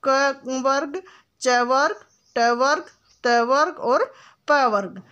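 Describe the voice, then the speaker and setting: A woman with a high voice teaches grammar in a patient classroom manner. She stretches sounds and examples out slowly. She keeps asking the students questions and then answers them herself. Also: pushed and bright, lo-fi sound. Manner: asks questions and answers them herself, often adds "ठीक है"; calls the listener "बेटा", patient and instructive. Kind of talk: classroom lesson explanation.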